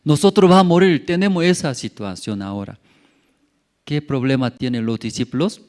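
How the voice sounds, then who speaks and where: A male pastor preaching a sermon in a church, full of rhetorical questions and repeated words, rising to loud calls and dropping to near murmurs, with some non-native grammar. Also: mid-range voice, normal speed.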